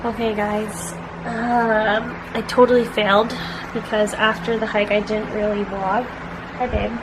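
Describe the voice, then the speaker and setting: A woman's voice: mid-range voice, flat delivery, measured pace. Young canadian woman rambling away on her vlog, lots of um and like. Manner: chatty, rambling with many fillers. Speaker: vlogger. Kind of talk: casual vlog chat. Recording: noisy background.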